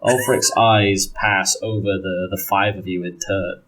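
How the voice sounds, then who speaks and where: A man narrating a tabletop roleplaying game as game master, deliberate, pausing between descriptive phrases. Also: low voice, steady tone, fairly bright tone.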